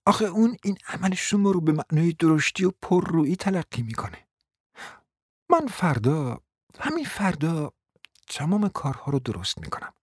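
A cunning, flattering provincial mother in a radio drama, coaxing in a smooth, persuasive voice that keeps sinking to a whisper. The sound is dry and close, with no room around it. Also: deep voice, no echo, exaggerated voice. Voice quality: coaxing, often drops to a whisper. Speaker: scheming mother. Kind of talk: radio play acting.

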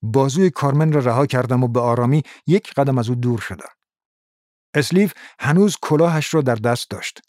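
A man narrating a crime novel as an audiobook in a steady, measured reading. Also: medium pitch, no room sound, clean studio sound.

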